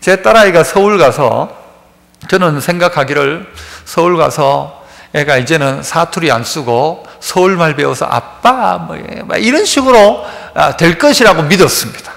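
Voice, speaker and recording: Lively Gyeongsang-accented male pastor preaching. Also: a little high, moderate pace, gravelly, in a large hall. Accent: Gyeongsang Korean. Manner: lively, acts out dialogues in a casual dialect voice. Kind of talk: sermon. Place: church sanctuary.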